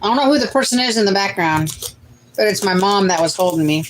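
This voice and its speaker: A woman's voice: mid-range voice, lively intonation, quick pace, slight background noise, poor audio. Chatty woman in her late forties reading comments. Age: late 40s. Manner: chatty, reads out comments and answers them. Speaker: host of a family cooking livestream. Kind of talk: casual livestream chat, reading viewer comments.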